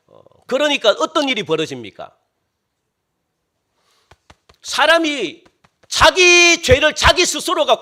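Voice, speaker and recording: A man preaching a sermon as pastor, with lively swings between loud exclamations and quiet asides. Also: a little high.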